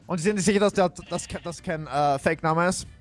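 Fast-talking man with slightly high voice. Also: faint music behind. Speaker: gamer playing a police officer. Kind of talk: casual improvised game role-play.

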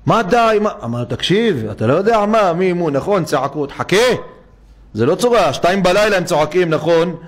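A man's voice: on the high side, animated. A man preaching as a rabbi in a synagogue, telling a story and acting out each character's voice with animation. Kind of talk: sermon storytelling.

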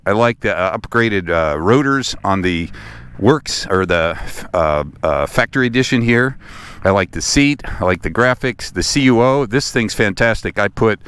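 A middle-aged man riding a motocross track outdoors, talking casually about his bike with relaxed, rambling self-corrections. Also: fairly low pitch, smooth. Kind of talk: casual vlog commentary. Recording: loud engine noise outdoors. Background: loud motorcycle engine.

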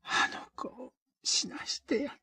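A man putting on a dying woman's dry rasp. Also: high voice, lively intonation, bright, forceful tone, dry recording, voice pushed up, exaggerated voice. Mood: weary pleading. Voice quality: dry, rasping, half-whispered. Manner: slow, listless, pleading.

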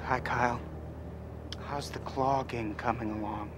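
An actor playing an earnest, lovesick rock singer who talks theatrically and bursts into song. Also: male voice, medium pitch, fairly even intonation, measured pace, very noisy, lightly acted. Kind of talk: comedic film acting with rock singing.

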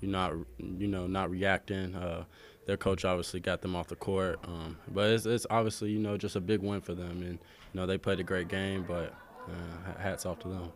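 Young male athlete at a press desk, deep and gravelly, flat delivery, hesitant with fillers. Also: a little hiss or hum. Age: young adult. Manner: halting, many fillers, subdued. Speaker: college basketball player. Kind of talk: postgame press conference answers. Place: press room with sponsor backdrop, indoors. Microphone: desk mic.

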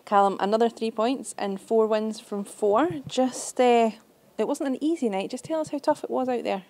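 A woman interviewer asking brisk, friendly post-match questions to a manager and player. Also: on the high side, a little mellow.

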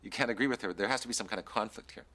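A man's voice: on the low side, racing, sharp tone. An actor playing a vain, flustered male news producer who talks in a fussy, pushy way. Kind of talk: scripted comedy series acting.

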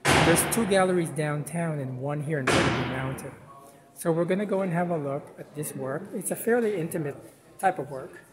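Touring a campus plaza outdoors and then a gallery inside, a Tagalog-speaking man from the Philippines vlogs casually about contemporary art. He talks at normal speed in a slightly high voice, rambling with lots of fillers over a noisy background.

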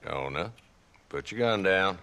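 An actor playing a calm, authoritative town marshal with a dry, wry manner in a western video game. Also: male voice, low voice, takes it slowly, vocal fry, exaggerated voice. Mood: commanding.

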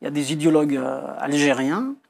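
A fast-talking middle-aged man from Algeria, a Kabyle speaker, explains his views as an author during a TV interview in an indoor studio. His fairly high voice has vocal fry and is slightly rough. He stresses key points and hesitantly repeats words.

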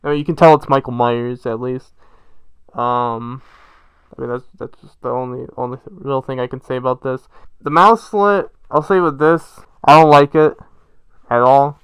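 A man's voice: mid-range voice, clear, resonant tone, dry recording. Young man talking through a face mask. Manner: rambling, halting, lots of fillers. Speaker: mask reviewer. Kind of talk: casual rambling review.

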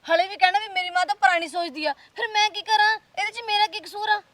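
A woman's voice: very high-pitched, fairly even intonation, fast, fairly bright tone, no room sound. A young actress with a Punjabi accent playing a girlfriend who scolds her partner sharply and makes demands. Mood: angry. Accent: Punjabi (Malwa). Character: sulky young woman scolding her boyfriend. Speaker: actor in a short film.

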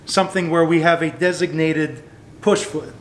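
A man's voice: fairly high pitch, normal speed, a little hiss or hum, poor audio. A young man hosting a casual product interview in a store, guiding and recapping points. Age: young adult. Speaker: host. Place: bowling shoe store, indoors.

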